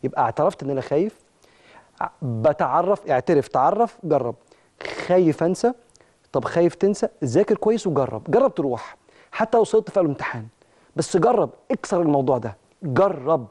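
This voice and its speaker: Man, Egyptian accent, talk show host, religious motivational talk, emphatic, dark tone. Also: on the high side, very animated, fast. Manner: preachy, emphatic, addresses listeners directly.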